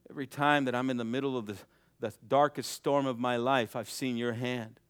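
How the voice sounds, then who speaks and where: In this sermon, a young man's smooth, resonant voice is captured up close with no room sound. His tone stays steady and his pace fairly quick as he swings from soaring, almost shouted appeals down to a quiet, intimate hush that drives the message home.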